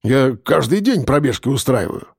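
A man's voice: medium pitch, big pitch swings, normal speed, gravelly, a little mellow, husky, no echo, clean studio sound, exaggerated voice. A man voicing a shifty middle-aged petty thief who whines and pleads his innocence. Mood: whiny pleading. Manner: whining, pleading.

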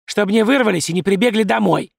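A man voicing a loud, coarse, domineering peasant wife who scolds and bosses everyone. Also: fast talker, gravelly, dry recording, clean studio sound, exaggerated voice. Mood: scolding. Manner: shrill, scolding, bossy.

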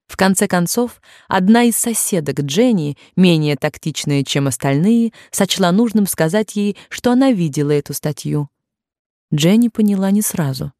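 A woman narrating an audiobook in a measured, even-paced reading. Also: on the low side, dry recording, clean studio sound.

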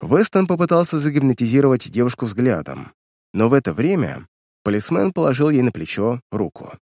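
A man narrating an audiobook in an expressive storytelling manner. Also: mid-range voice, brisk, no echo, clean studio sound. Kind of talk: scripted narration.

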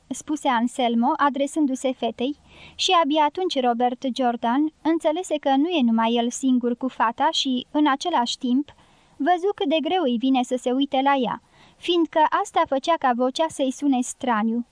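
A woman reading an audiobook with steady, scripted narration. Her voice sits high, and the recording is close and dry with no room echo.

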